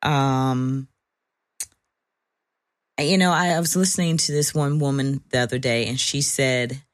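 A woman with a deep voice speaks casually as a panelist. She pauses to think aloud and acts out the things people say. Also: steady tone. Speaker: panelist, parent.

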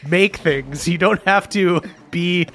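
A man's voice: high-pitched, slow pace, fairly bright tone, a little hiss or hum. A man narrating a tabletop game as game master in a casual, joking, improvised way.

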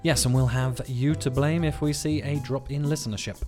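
A man's voice: medium pitch, steady tone, a little fast, a little mellow, soft background music. A man co-hosting a podcast from a room at home late at night, joking and rambling in casual chat. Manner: jokey, rambling banter. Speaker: podcast co-host.

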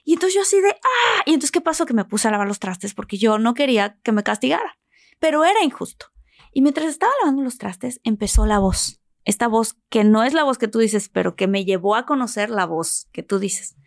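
A woman's voice: on the high side, a little fast, creaky, dry recording, studio quality. A woman telling a personal story in casual conversation, acting out the voices in it. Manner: animated, acts out voices in her anecdote.

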